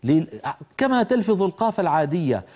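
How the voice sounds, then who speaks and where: A man gives a tajweed lesson, explaining rules and demonstrating pronunciation. His voice is mellow and warm and sits a little high. He moves between plain explanation and slow chanted examples. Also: very animated. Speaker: Quran recitation teacher.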